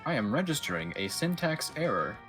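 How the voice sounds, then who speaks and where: A man voicing a stiff male robot that glitches and gets stuck processing, read in a flat, halting way. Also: medium pitch, soft background music. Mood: glitching. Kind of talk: reading a game character aloud.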